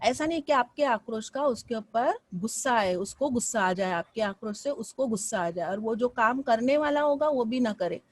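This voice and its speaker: A woman teaching a class, from Mumbai, speaking with lively rises and falls and often asking her students questions. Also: on the high side, normal speed, hardly any pauses, dry recording. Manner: expressive, rising and falling delivery with frequent questions to students. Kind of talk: classroom lesson.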